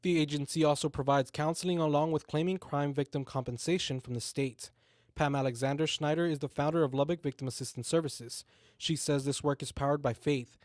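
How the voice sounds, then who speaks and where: A man delivers a local TV news report in a slightly higher voice, steady and measured. The sound is dry and close, with no room around it. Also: dry recording. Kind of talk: scripted news narration.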